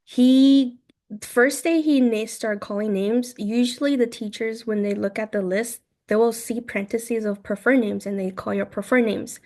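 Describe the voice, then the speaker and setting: A woman in her twenties from China, a guest telling her story in a casual interview, talking in halting phrases full of "like" and quoted thoughts. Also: on the high side, steady tone, darkish tone. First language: Mandarin. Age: 20s. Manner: frequent "like" and "I was like" quoting, halting phrasing.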